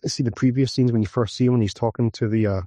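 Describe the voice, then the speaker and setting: A man's voice: mid-range voice, steady tone, fast talker, mellow, dry recording. A man co-hosting a podcast, talking loosely about a film and swearing casually. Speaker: podcast co-host. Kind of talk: casual film commentary chat.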